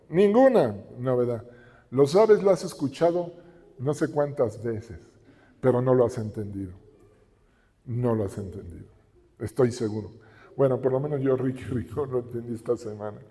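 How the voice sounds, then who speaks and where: A man's voice: medium pitch, animated, normal speed, warm tone. A middle-aged man with a Mexican Spanish accent, preaching a sermon with emphatic repetition and rhetorical questions. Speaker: pastor. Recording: reverberant hall.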